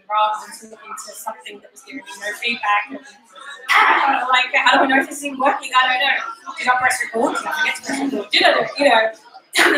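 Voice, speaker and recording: A woman with a Cockney accent giving a lively, candid motivational talk at an event. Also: a little high. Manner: lively, candid, swears casually. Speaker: speaker at an event. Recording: echoey room from far off.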